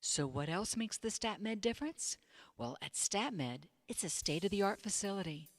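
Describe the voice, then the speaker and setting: A woman narrating a scripted promotional infomercial in a polished, measured sales-pitch manner. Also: lively intonation, no room sound. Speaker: commercial voice-over announcer. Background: music bed.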